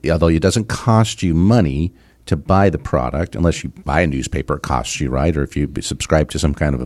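A middle-aged man, a financial advisor hosting a podcast, explaining in a halting way with many fillers. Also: a bass voice, darkish tone, no echo, studio quality. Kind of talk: casual podcast chat.

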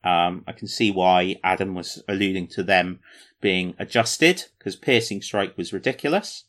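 Rambling, jokey man, lowish voice. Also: normal speed, a bit bright. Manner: jokey, self-mocking, rambling with fillers. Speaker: podcast co-host. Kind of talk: casual chat about tabletop wargaming.

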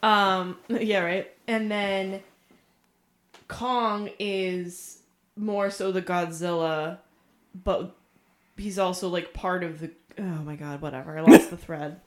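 A young woman rambles through a casual movie chat, swearing freely and losing her train of thought. Her voice sits a little low for a woman. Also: fairly even intonation, takes it slowly. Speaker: podcast co-host.

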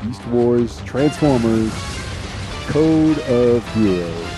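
A man's voice: medium pitch, expressive, extremely slow, music in the background. A man hosting a podcast in casual chat, with a blunt way of talking. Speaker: podcast host.

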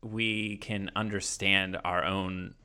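A man's voice: low-pitched, flat delivery, slow, pushed and bright, clean tone. A man in his thirties hosting a casual chat, musing in a laid-back way and laughing easily. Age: 30s.

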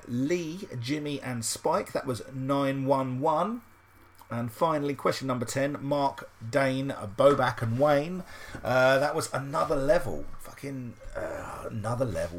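A man's voice: mid-range voice, measured pace. A man hosting a casual podcast quiz special, reading out answers in a loose, sweary and sardonic way with plenty of fillers. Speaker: podcast host.

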